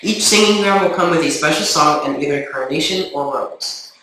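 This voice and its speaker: A man with a bright, slightly high voice reads the school notices in a steady list. It comes through an intercom speaker, with heavy echo and a faint hum of ambience underneath. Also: fairly quick. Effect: heard over a school intercom. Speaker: school announcer. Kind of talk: reading school announcements. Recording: echoey intercom with faint background hiss.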